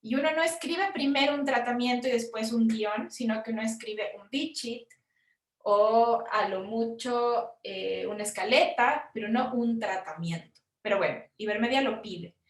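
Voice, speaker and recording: A Chilean woman, a film producer, explaining funding forms in a frank, conversational workshop talk with quick asides. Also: a little high, echoey room, far from the mic. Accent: Chilean Spanish.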